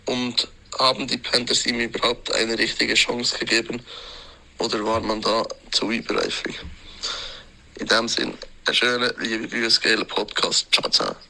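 A man leaving a slow, hesitant voice message with a question for a podcast. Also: mid-range voice, fairly even intonation, creaky, bright, forceful tone, low-quality recording.

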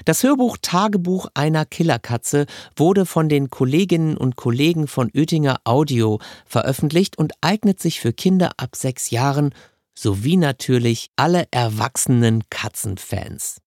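A man's voice: a little high, expressive, moderate pace, a little mellow, no room sound, clean studio sound. Man presenting children's audiobooks. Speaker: podcast host presenting audiobooks. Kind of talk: scripted presentation.

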